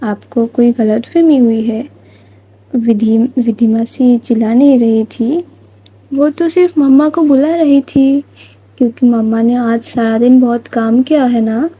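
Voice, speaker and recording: A woman voicing a gentle young mother who patiently soothes and coaxes her little child, as part of a storybook narration. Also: fairly high pitch, fairly even intonation, unhurried, husky, dry recording, low-quality recording. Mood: gently explaining. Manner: soft, coaxing, patient. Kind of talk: storybook narration with voiced lines.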